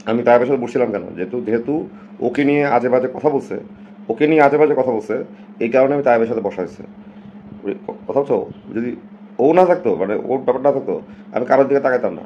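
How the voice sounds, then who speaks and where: A man's voice: medium pitch, brisk, dull audio, a little hiss or hum. A man from Bangladesh, talking casually and emphatically to his viewers on a live stream and slipping English phrases in.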